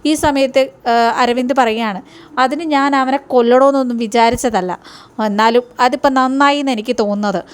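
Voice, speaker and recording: A woman's voice: a little high, fairly quick, clean tone. A woman casually retelling a TV serial episode, voicing the characters' lines with feeling. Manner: retells scenes, slipping into emotional character voices. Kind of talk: casual storytelling recap, acting out characters' lines.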